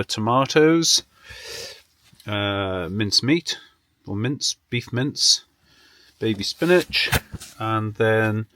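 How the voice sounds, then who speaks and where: A man's voice: medium pitch, a bit bright, clean tone, dry recording, clean studio sound. A British man chatting casually to camera as a vanlife vlogger, in a rambling, self-deprecating and mildly sweary way. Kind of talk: casual vlog chat.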